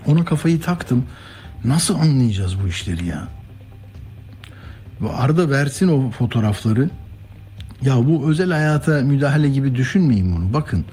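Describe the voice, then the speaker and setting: A man's voice: mid-range voice, lively intonation, moderate pace, long pauses, dark tone, husky. A man hosting a news show, giving informal, rambling conversational commentary.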